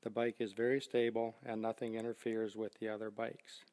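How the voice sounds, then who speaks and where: An older man giving a steady, scripted step-by-step demonstration of loading bikes onto a rack. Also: on the low side, moderate pace, long reverb tail. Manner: steady, methodical step-by-step explaining. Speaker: product demonstrator. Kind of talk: scripted instructional narration.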